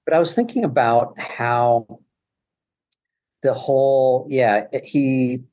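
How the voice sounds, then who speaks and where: A man's voice: mid-range voice, slow, a little mellow. Guy on a podcast rambling along, slightly muffled sound. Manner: rambling, many fillers and restarts. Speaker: podcast guest. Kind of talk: casual conversation.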